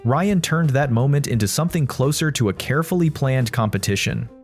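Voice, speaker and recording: A man's voice: mid-range voice, lively intonation, a little fast, faint music behind. A man narrating a video from a script, linking one story to the next.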